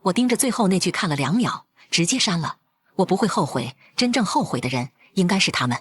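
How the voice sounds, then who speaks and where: A woman's voice: on the low side, sing-song, a little fast, husky. A woman narrating a first-person drama in a cold, blunt and firm way.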